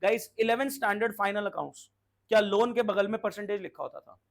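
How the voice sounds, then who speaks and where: A man's voice: high-pitched, fast, gravelly. A man teaching commerce in a classroom lecture, who drills his students to call out answers and keeps asking if they follow. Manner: asks frequent check questions. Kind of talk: classroom lecture in Hindi mixed with English terms.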